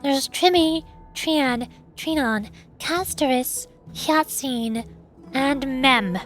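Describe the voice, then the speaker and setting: A woman's voice: high-pitched, very slow, soft background music. A woman game streamer giving casual livestream commentary in a light, cute anime streamer manner.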